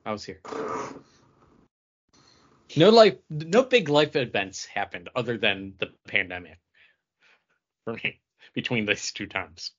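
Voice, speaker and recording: A male podcast co-host chats in a casual, conversational way, his lowish voice expressive and slow with long pauses. The recording sounds dull and lo-fi.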